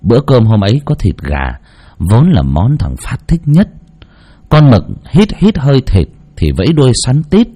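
A man narrating a heartfelt village story in slow, scripted storytelling. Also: mid-range voice, very animated, dark tone.

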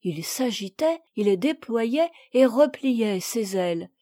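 A woman's voice: on the high side, expressive, takes it slowly, warm tone, dry recording, clean studio sound. A woman reading a classic children's novel aloud as narrator, giving each girl a voice of her own. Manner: reads with distinct voices for several girls. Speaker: audiobook reader. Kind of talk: scripted narration.

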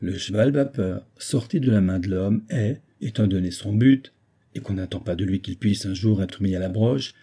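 A confident, methodical engineer from an audiobook, voiced by a man. He explains point by point in a measured, persuasive way, his tone dark and slightly husky. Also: lowish voice. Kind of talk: audiobook character reading.

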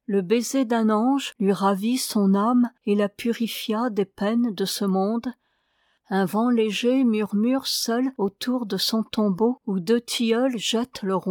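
A woman reading a translated prose poem aloud as an audiobook, in a measured, solemn way. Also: mid-range voice, darkish tone, no room sound, studio quality. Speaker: audiobook reader. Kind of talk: scripted narration of a prose poem.

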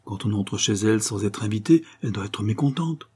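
A man reading aloud, voicing an educated, skeptical father who speaks calmly with gentle irony, in a husky, mellow voice. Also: fairly low pitch, brisk. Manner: calm, gently ironic.

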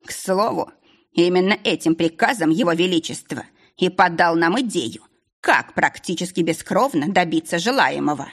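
A woman voicing a cold, scheming male duke who taunts his captives in a slow, mocking drawl. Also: lowish voice, expressive, a bit bright. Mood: smug, mocking.

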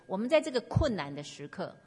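Woman preacher, low husky voice, earnest testimony, echoey church hall. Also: sing-song, fast, a little mellow. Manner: earnest, exhorting. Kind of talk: sermon with personal testimony. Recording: long hall reverb.

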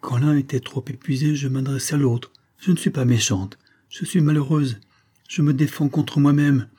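A sorrowful young vampire woman from an audiobook, pleading and soft, her voice lifted well above a low husky base, as a man reads her part. The tone stays dark and mellow, with a breathy edge. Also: fairly even intonation, normal speed, lightly acted. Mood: melancholy, pleading.

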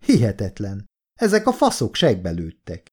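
A man voicing a brash, profane young male soldier who wisecracks and yells in an audiobook. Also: on the low side, wildly swooping pitch, breathy edge, full character voice. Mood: indignant. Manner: profane, shouting, cocky.

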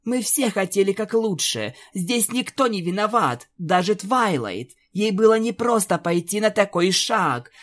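Distraught young female pegasus in an audiobook, high-pitched and urgent, as a male reader voices her. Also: animated, measured pace, few pauses. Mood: shaky. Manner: tearful, pleading, shouting. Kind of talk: audiobook character voice.

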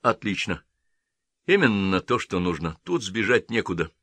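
A man's voice: sits low, normal speed, husky, no echo, heavily acted. A man voicing a composed officer who speaks coldly and steadily in an audiobook. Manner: cold and steady. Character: calm, composed male officer, quietly happy.

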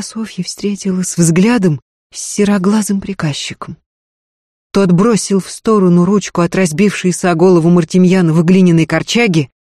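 A woman's voice: fairly low pitch, warm tone, dry recording, studio quality. Woman reading a novel aloud. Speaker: audiobook narrator. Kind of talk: scripted narration of a novel.

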